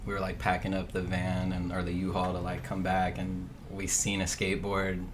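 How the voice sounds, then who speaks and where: A man's voice: deep voice, monotone, moderate pace, over music. A man from Southern California, a guest on a podcast, chatting casually in a laid-back, rambling way and swearing now and then. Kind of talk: casual chat.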